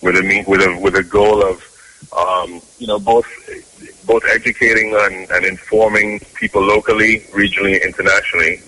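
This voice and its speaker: A man from Trinidad calling in to a radio show, speaking in a measured, hedging way with many fillers. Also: low-pitched, fairly even intonation, bright, forceful tone, poor audio. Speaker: caller, conference organizer. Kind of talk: phone-in interview. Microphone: telephone.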